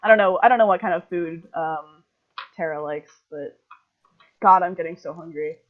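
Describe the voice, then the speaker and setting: A woman's voice: fairly low pitch, normal speed. Woman game master, chatty and rambling, casual narration on a dull lo-fi call line. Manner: rambling, heavy on filler words.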